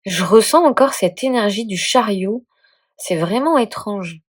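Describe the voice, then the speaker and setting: Slow, sniffly woman reading tarot. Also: mid-range voice, lively intonation. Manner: thinking aloud, hesitant with many fillers and restarts. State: sick, sniffling. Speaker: tarot reader and channel host. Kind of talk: casual spoken tarot reading.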